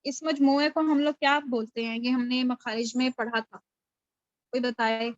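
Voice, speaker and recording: A woman's voice: on the high side, fairly even intonation, dull audio, slight background noise. A woman teaching a Quran recitation class over a video call, who explains patiently, asks her students questions and praises their answers. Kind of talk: online class lesson.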